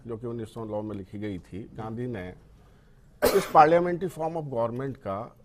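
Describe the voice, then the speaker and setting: A male professor on a televised panel, his voice in a middle pitch. He lays out his argument steadily, explaining his reasoning point by point. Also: normal speed, a crowd in the background.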